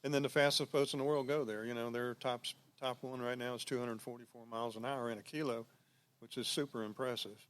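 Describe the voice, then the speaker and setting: A man who is a guest on the show tells relaxed, easygoing anecdotes in casual conversation. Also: medium pitch, quick pace, clear, resonant tone, no echo.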